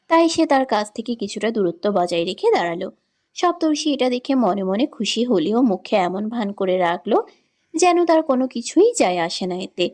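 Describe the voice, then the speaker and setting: A woman reading a romance story in scripted narration, with steady, even storytelling. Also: mid-range voice.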